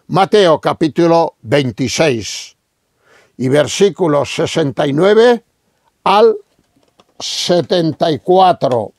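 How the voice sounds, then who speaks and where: Slow, gravelly Spanish preacher man. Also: on the high side, darkish tone, no room sound, clean studio sound. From Spain. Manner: slow, emphatic Bible reading with rhetorical questions. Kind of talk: sermon.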